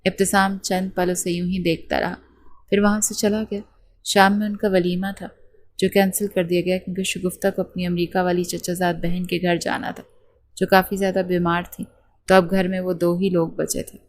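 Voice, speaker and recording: A woman reading a romance novel aloud in a steady storytelling voice, voicing every character. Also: lowish voice. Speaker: narrator. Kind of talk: scripted novel narration.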